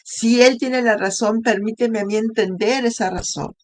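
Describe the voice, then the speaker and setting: A woman's voice: fairly high pitch, normal speed. A middle-aged woman, telling a personal testimony in a sermon and chatting with her audience as she goes. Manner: conversational storytelling, asks audience questions. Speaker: women's ministry speaker.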